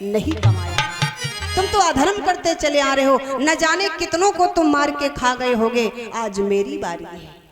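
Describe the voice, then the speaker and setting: A woman's voice: fairly high pitch, moderate pace, music in the background, close to an everyday voice. A woman voicing a steadfast, truthful mother cow who speaks with earnest resolve, in a devotional story told before a live crowd. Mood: resolute. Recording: live crowd noise behind.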